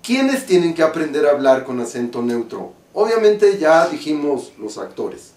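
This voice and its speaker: A man with a Mexican accent, an acting teacher explaining stage diction slowly and deliberately. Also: fairly high pitch, very animated, a little mellow. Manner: slow, deliberate, carefully articulated explanation. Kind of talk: spoken lesson on stage diction. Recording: roomy, from a distance.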